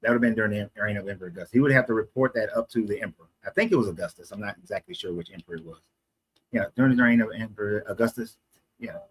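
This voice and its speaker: In a low-quality recording, an Atlanta, USA man races through a casual street debate, explaining at length and fixing his own statements along the way. His husky voice sits lowish but swings widely in pitch.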